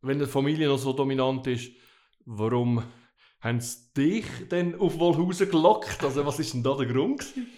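A man co-hosts an interview and puts his questions with a teasing, joking edge. His voice sits at an ordinary middle pitch. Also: moderate pace, darkish tone. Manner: teasing, jokey. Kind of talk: interview conversation.

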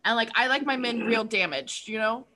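A woman's voice: fairly high pitch, expressive, moderate pace, background noise. A woman comedian chatting casually, giggly and crude, with lots of fillers. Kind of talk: casual chat.

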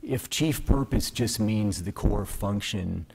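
A man's voice: lowish voice, slow, vocal fry, darkish tone, slightly rough, low-quality recording. A man speaking as a judge, putting probing questions in a conversational way, thinking aloud as he goes.

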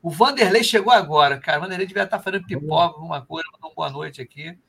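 A man's voice: a little high, very fast, gravelly, fairly bright tone, breathy edge. A man with a Brazilian Portuguese accent hosting a live podcast, chatting loosely and reading out listener messages. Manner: rambling, reads out listener chat. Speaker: podcast host. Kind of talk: casual live podcast chat.

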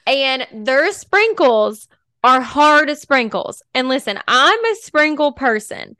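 A woman's voice: high voice, sing-song, slow pace, pushed and bright, no echo. A young woman co-hosting a podcast, chatting casually and gushing with lots of laughter. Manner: bubbly, gushing, laughs often. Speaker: podcast co-host. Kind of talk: casual chat.

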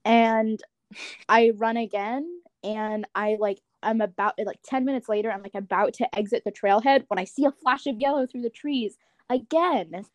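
A young woman telling friends an animated story in casual chat, swearing and acting out quotes. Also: a little high, moderate pace, dry recording.

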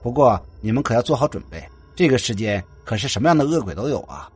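A man voicing a calm young woman who explains things in a steady, knowing way. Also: medium pitch, fast talker, breathy edge, faint music behind.

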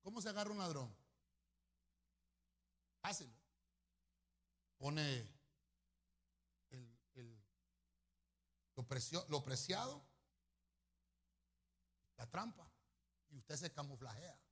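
Husky, high-voiced preacher, animated. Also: male voice, slow pace, long pauses. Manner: preaching with sudden loud swells and drops. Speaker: pastor. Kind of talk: sermon.

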